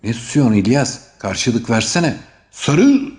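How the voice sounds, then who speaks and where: A man doing a shouting old football fan. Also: deep voice, measured pace. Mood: excited shouting. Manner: shouting loud chants.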